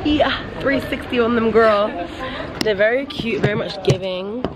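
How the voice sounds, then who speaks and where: A woman's voice: on the high side, measured pace. A woman, chatting casually and playfully as she vlogs on a handheld camera. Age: 20s. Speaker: travel vlogger. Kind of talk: casual vlog chat. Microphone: handheld camera at arm's length. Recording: noisy handheld camera, street and room ambience.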